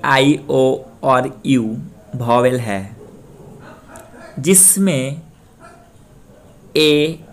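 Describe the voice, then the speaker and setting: A young man from Bihar, India, teaching a Spanish pronunciation lesson, explaining rules plainly and repeating example words loudly with stressed syllables. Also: medium pitch. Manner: plain explanatory tone, mixes English terms into speech. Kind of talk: slow screen-share language lesson.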